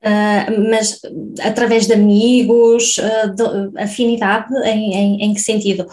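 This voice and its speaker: Hosting a conversational interview on her podcast, a woman with a European Portuguese accent laughs easily and keeps checking in with her guest. Her medium-pitched voice is slow, flat and somewhat dark.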